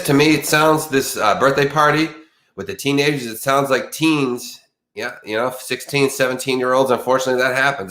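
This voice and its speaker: A true crime channel host chats casually with viewers on a livestream, rambling with plenty of fillers and restarts. His mid-range voice has a fairly bright tone and sounds a little congested from allergies. The room is echoey.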